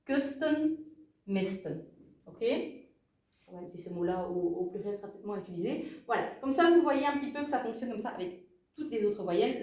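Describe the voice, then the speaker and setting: A woman teaching a language lesson in a fairly high voice that rises and falls a great deal. She explains with emphasis and often checks in with her listeners. The room rings noticeably, and she sits some way from the mic. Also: darkish tone, echoey room, recorded from a distance.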